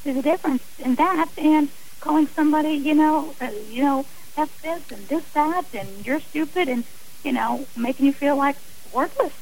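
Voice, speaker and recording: On a radio interview, a woman guest speaks earnestly and emphatically in a high, slightly mellow voice at a moderate pace, giving personal advice, illustrating her points with examples and repeating phrases. The audio quality is poor.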